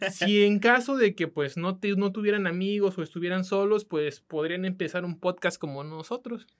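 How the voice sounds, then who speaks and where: A woman's voice: on the low side, moderate pace. A woman from Mexico with a coastal accent, co-hosting a casual podcast in a colloquial, chatty way that speaks straight to listeners. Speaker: podcast co-host.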